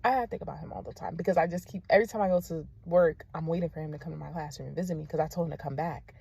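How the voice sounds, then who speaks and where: A young woman teacher, giving a candid vlog update straight to her viewers, often soft and subdued. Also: low-pitched, rapid-fire, vocal fry, slightly rough.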